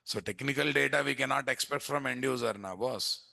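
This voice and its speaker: An instructor with an Indian accent runs a live coding lesson at his computer indoors, talking a little fast in a mid-range voice with vocal fry and a sharp tone. Rhetorical questions come often, with "what" repeated again and again. The sound is studio quality and free of echo.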